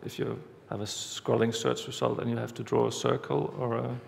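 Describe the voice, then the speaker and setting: A man giving a conference talk, walking through a live demo step by step in a halting way, recorded in a large hall. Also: mid-range voice, level tone, gravelly. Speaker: conference speaker. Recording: reverberant hall, faint background noise.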